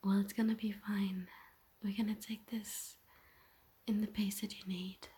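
Breathy, slow whispered role-play from a woman. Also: medium pitch, flat delivery. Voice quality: breathy, airy. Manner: slow, breathy, intimate whispering with soft chuckles. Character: tender, teasing, dominant woman lover soothing a shy partner.

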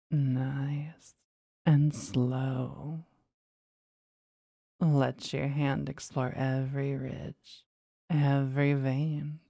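A woman whispers close and breathy, her low voice husky with gravelly fry. She takes her time over every word in a teasing, commanding way. The sound is intimate and dry. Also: mellow, no room sound. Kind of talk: whispered intimate ASMR roleplay.

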